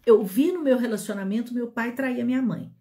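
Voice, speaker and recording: A woman's voice: a little high, fairly quick, dark tone. A Brazilian woman teaching about relationships, speaking straight to her listeners and often checking that they follow. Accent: Brazilian Portuguese. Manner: talks to listeners directly, with frequent check-ins. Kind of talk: didactic talk to an audience.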